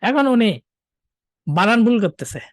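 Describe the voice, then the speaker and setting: A male teacher gives an online exam-prep lesson, joking and animated and often checking in with his listeners. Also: high-pitched, a little slow, no echo, studio quality.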